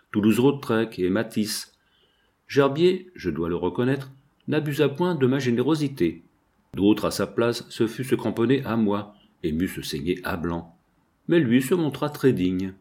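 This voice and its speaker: A man reading a first-person literary novel as an audiobook, measured and expressive. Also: on the low side. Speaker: audiobook narrator.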